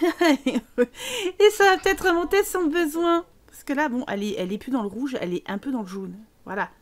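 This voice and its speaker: A young woman commenting casually on her life-sim game, chatting to her sims and her viewers with exasperated asides. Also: high voice. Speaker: gaming YouTuber. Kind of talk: casual let's play commentary.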